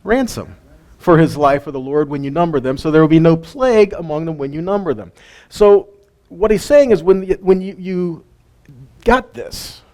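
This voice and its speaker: A man leads a weekly Torah study for a live group, teaching the Bible informally and conversationally, quizzing his listeners and chuckling between points. His voice sits fairly high, with an expressive, dark tone at a moderate pace.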